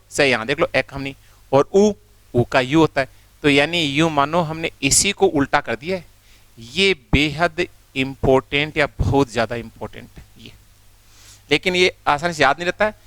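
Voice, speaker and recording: Male tutor for a recorded lesson; slightly high voice, dry close sound, patient and methodical with rhetorical questions. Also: fairly bright tone, no room sound. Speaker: teacher. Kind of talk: recorded exam-prep lesson.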